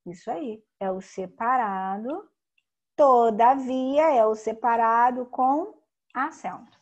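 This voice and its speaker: A woman teacher walks students through a grammar lesson. Her voice is somewhat husky and a little higher than average. She stresses each rule slowly and checks in often with quick tag questions. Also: muffled recording. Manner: slow emphatic explaining with frequent tag questions.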